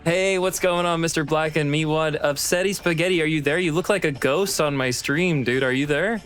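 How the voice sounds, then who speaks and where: An upbeat man hosting a game stream, his voice sitting a little high. He keeps the chat going and calls out viewers by name, with faint music playing behind him. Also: normal speed, fairly bright tone. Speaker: streamer hosting a tier list. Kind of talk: casual live-stream chat.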